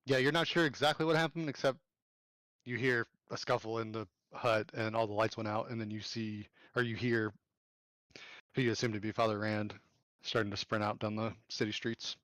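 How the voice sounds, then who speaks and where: A man narrating as game master in an online tabletop game, casual and loose, with fillers and quick self-corrections. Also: fairly low pitch, fairly even intonation, a bit bright, no room sound.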